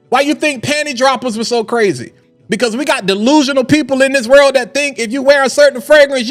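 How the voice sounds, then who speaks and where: Man, high-pitched, livestream host, animated ranting, soft music behind. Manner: hyped, loud and then dropping low to calm down. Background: faint background music.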